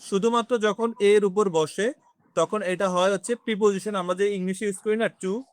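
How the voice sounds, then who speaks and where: A man's voice: sits high, fairly even intonation, no room sound. A man teaching a beginners' French class, explaining step by step and quizzing his students. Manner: explains slowly, quizzes the class, mixes in English words. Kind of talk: classroom lesson.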